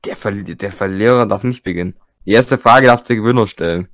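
A young man co-hosting a casual podcast over an online call, making deadpan jokes. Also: fairly low pitch, fairly quick, no room sound, studio quality. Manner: deadpan joking. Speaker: podcast co-host.

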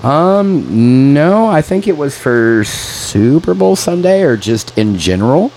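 A man's voice: mid-range voice, big pitch swings, slow, a little mellow, a little hiss or hum, rough recording. A man in his late thirties, co-hosting a casual podcast, swearing a lot and calling everyone dude. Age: 30s. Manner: profane, calls everyone dude, venting frustration. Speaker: podcast co-host. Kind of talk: casual chat.

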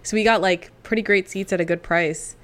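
A woman co-hosting a casual podcast chat, wry and quick to laugh, sleep deprived. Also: mid-range voice, a bit bright. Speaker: podcast co-host.

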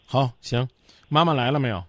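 A man's voice: mid-range voice, fairly quick, fairly bright tone, dry recording. A man hosting a radio call-in show, asking direct questions and steering the caller. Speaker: radio advice host.

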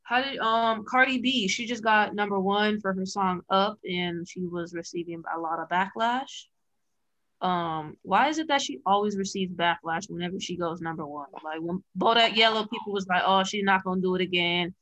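A woman's voice: medium pitch, normal speed, fairly bright tone, no room sound, low-quality recording. Curious woman asking questions, dry sound. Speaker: podcast co-host. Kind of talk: casual chat.

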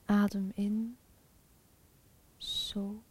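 A woman guiding a chakra meditation in a soft, calm, half-whispered spa-like voice with long pauses. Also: medium pitch, breathy edge. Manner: slow, calm, soothing, with pauses. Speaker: meditation guide.

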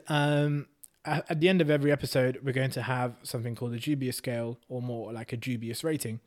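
Wry man co-hosting a podcast. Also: medium pitch. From Hungary. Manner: wry, joking, self-deprecating. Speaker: podcast co-host. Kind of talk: casual chat.

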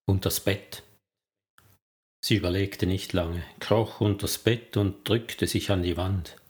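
Slow, low-voiced male narrator. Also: fairly even intonation. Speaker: audiobook narrator. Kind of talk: scripted narration.

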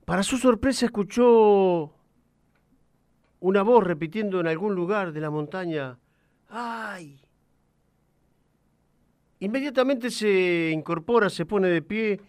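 A man telling a fable in measured, dramatic scripted narration, shouting out the characters' cries. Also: high voice, no room sound, studio quality. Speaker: radio storyteller.

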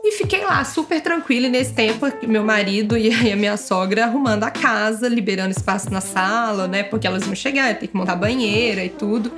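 A young adult woman casually telling her own birth story, acting out the dialogue in lively turns. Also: medium pitch, a little fast, hardly any pauses, over music. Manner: lively, acts out quoted dialogue.

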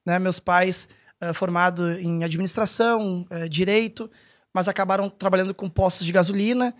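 A man speaks as a podcast guest. His talk is casual and meandering, often pausing to search for a word and correct himself. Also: high voice, fairly even intonation. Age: 30s. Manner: rambling, hesitant, self-correcting. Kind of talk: casual chat.

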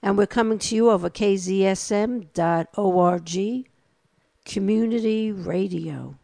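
A woman's voice: medium pitch, unhurried, vocal fry, dark tone, no room sound. An older woman with a New York accent, co-hosting a community radio show in easy, chatty conversation and laughing easily. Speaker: co-host. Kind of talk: casual radio chat.

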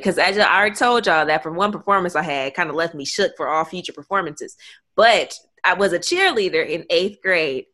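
Bright, animated young woman storyteller. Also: lowish voice. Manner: animated storyteller, laughs often. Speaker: podcast co-host. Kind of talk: casual podcast chat.

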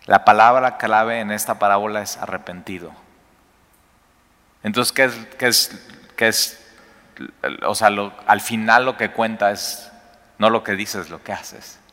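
A man, preaching a sermon in a conversational, animated way with rhetorical questions. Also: fairly low pitch, unhurried, long pauses. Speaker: pastor. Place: church hall. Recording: echoey hall.

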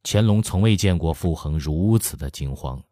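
A man narrating a historical novel as an audiobook, telling the story in an expressive way. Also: deep voice, normal speed, dry recording, studio quality. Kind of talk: scripted narration.

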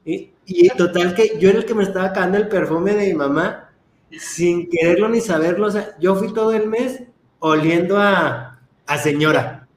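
Man from northern Mexico, playful storyteller, slightly high voice, echoey room. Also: moderate pace. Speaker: host. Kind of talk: casual chat.

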